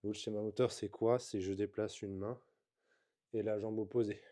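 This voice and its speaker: A man talking through slow floor exercises in a calm, explanatory vlog, coaching the viewer as he moves. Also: lowish voice. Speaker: movement coach. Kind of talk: instructional vlog.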